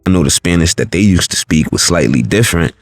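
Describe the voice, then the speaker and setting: A man's voice: low-pitched, lively intonation, quick pace, no echo, faint music behind. A man from New York City hosting his channel, giving blunt, reflective commentary and telling stories. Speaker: channel host. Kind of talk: commentary monologue.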